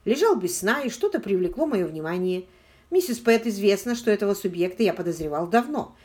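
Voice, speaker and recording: A woman voicing a smooth, haughty aristocratic man with a suave, ingratiating manner. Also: mid-range voice, very animated, a little fast, darkish tone, close to an everyday voice.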